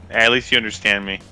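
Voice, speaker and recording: Laid-back man with a bright low voice. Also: vocal fry. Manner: laid-back, rambling, laughs often. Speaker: podcast co-host. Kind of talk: casual gaming podcast chat.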